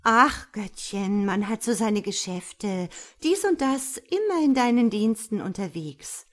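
A woman's voice: mid-range voice, lively intonation, slow pace. A woman reading a storybook aloud and voicing a cheeky, defiant female angel with a brash, slangy way of talking. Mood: wheedling.

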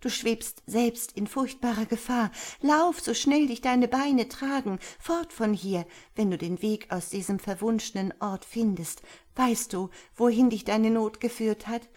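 A woman's voice: fairly high pitch, measured pace, hardly any pauses, darkish tone, pitched above the performer's own voice. A woman voicing a frightened young captive girl who pleads urgently, in a storybook reading. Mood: urgent, fearful. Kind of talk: audiobook reading.

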